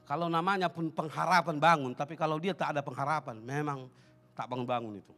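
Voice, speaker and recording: High gravelly preaching man. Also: steady tone, quick pace. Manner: preaching with big swings between loud declarations and hushed asides. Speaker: pastor. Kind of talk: sermon. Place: church sanctuary.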